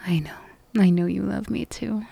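A woman whispers close to the mic in a slow, soothing comfort roleplay. Her voice is mellow and breathy, staying flat and even. The sound is dry with no room around it. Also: medium pitch, no room sound. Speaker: ASMR roleplay performer.

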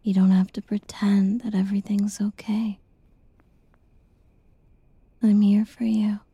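A woman whispering a tender, reassuring girlfriend roleplay in a soft, soothing ASMR style. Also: medium pitch, level tone, slow pace, husky, no echo, lo-fi sound.

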